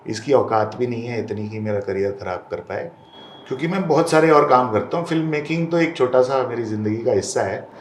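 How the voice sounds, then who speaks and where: Interview guest: man, blunt and combative, mid-pitched, drops into English phrases, roomy echo. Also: animated, a little fast, a little hiss or hum. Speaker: interview guest, film director. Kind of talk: candid interview.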